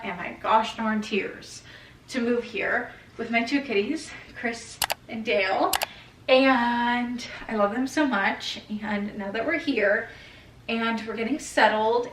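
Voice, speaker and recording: A woman's voice: on the high side, a bit bright, roomy sound, far from the mic, slight background noise, poor audio. A woman in her early twenties vlogging casually about redoing her bedroom, chatty and swearing freely. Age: 20s. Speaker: lifestyle vlogger. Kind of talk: casual vlog chat. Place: bedroom at home.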